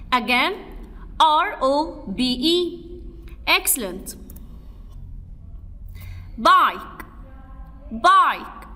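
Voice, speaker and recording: Slow sing-song woman teaching kids. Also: high-pitched, sharp tone, in a large hall. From Egypt. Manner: slow, drawn-out, sing-song words and letter spelling. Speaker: kindergarten English teacher. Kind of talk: spelling drill lesson for young kids.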